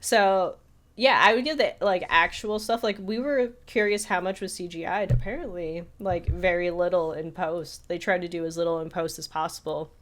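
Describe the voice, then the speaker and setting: A woman with a lowish voice speaks at a moderate pace while co-hosting a podcast. Her casual film discussion wanders, and she uses "like" often.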